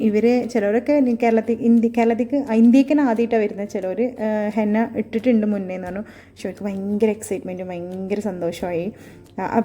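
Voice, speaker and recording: A woman's voice: medium pitch, mellow. A woman with a Malayali accent narrating a casual vlog, mixing English words into her Malayalam. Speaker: henna artist and vlogger. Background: faint music.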